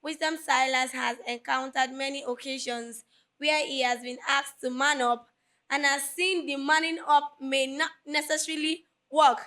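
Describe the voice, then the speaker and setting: Give me a bright, high-voiced Nigerian woman hosting an interview. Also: fairly even intonation, normal speed. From Lagos, Nigeria. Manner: playful, laughs often, mixes in Pidgin. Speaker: podcast host. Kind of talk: casual interview chat.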